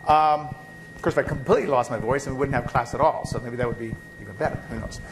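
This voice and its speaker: Music plays under this rough recording of a medium-pitched, fast-talking male professor lecturing on biochemistry in a lecture hall. A cold is setting in, bringing the odd cough, and he rambles with plenty of fillers and restarts.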